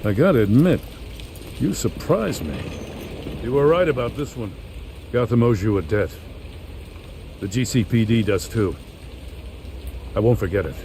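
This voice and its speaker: A man acting a middle-aged American police lieutenant in a video game, weary, gruff and sincere. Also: lowish voice, animated, moderate pace, pauses often, mellow, a little hiss or hum. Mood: grudging gratitude. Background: dramatic music.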